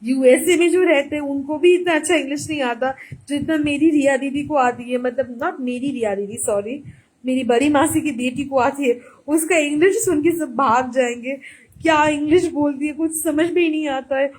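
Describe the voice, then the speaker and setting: A woman vlogger telling a sarcastic, animated story in a mocking monologue. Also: sits high, normal speed, poor audio. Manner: animated, mixes Hindi and English, mocking.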